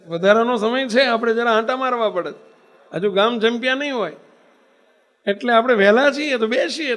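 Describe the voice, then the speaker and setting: With a very high-pitched, slightly bright voice, a man preaches emphatically, telling a story sermon-style and firing rhetorical questions at his listeners. A long hall reverb trails his words.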